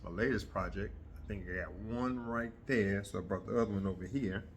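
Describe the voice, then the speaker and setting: A middle-aged man chatting casually to his viewers in a rambling, halting way, often pausing mid-sentence. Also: lowish voice, slight background noise. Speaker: host of a hobby video channel. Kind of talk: casual rambling vlog chat.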